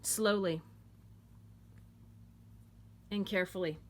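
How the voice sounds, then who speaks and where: A woman's voice: on the low side, fairly even intonation, takes it slowly. A woman teaching a knitting technique at home in a casual, chatty and playful way, joking and repeating herself as she goes.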